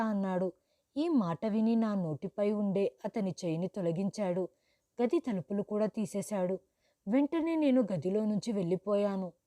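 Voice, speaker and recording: Mellow-voiced woman narrating a story. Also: mid-range voice, no room sound, clean studio sound. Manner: steady, even reading. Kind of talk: scripted first-person storytelling.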